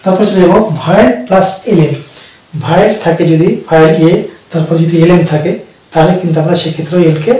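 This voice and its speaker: Man teaching slowly in an echoey room. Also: a little high, warm tone. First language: Bengali. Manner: slow, step-by-step explaining with many pauses and repetitions. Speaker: English teacher. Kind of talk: explaining English pronunciation rules. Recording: echoey room, distant from the mic.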